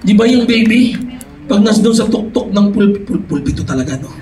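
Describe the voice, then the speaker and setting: A man with a Filipino accent preaching a youth sermon, often shouting and calling for amens, switching between English and Tagalog. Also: high voice, expressive, a little fast. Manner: shouting, calls for amens from the crowd; mixes English and Tagalog mid-sentence. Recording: echoey hall, voice far from mic, crowd and noise.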